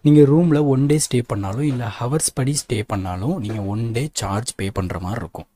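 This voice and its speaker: Fast-talking man narrating a travel vlog. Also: medium pitch, dark tone, a little hiss or hum. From Tamil Nadu, India. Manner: practical, matter-of-fact, addresses viewers directly. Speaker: travel vlogger. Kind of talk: voice-over travel guide.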